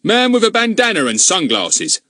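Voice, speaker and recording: Pompous village policeman, as a male narrator puts him on, husky, loud, swooping pitch. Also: wildly swooping pitch, normal speed, dry recording, clean studio sound, heavily acted. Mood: blustering. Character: pompous middle-aged village policeman, blustering. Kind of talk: audiobook character voice.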